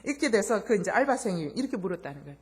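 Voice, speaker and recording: A woman pastor preaches to her congregation in a husky voice, asking them rhetorical questions. Her pitch swings widely as she tells anecdotes and acts out the voices in them. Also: very animated, very fast, darkish tone. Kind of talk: sermon.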